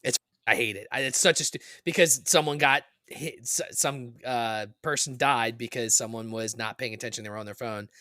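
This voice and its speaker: A man's voice: medium pitch, moderate pace, few pauses, no echo, studio quality. A man co-hosting a podcast in casual chat, talking loosely with lots of "like" and "dude". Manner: excited, laid-back, lots of "like" and "dude". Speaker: podcast co-host.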